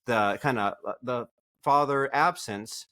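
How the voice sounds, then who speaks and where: A man's voice: medium pitch, measured pace, sharp tone. A man hosting a podcast interview, asking questions in a casual, rambling way. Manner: casual, rambling, uses "like" often. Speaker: podcast host.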